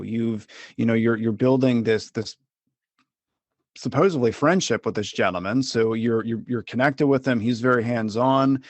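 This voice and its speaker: A male podcast host at a middle pitch sums up his guest's story back to him. He speaks plainly, and the recording sounds dry with no room around it. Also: no echo. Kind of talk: interview podcast.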